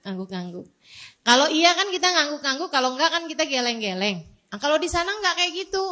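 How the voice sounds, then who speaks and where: A woman in her forties, an Indonesian preacher, telling a personal story in a lively, self-mocking way. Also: high voice, fairly quick. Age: 40s. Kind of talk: storytelling religious talk.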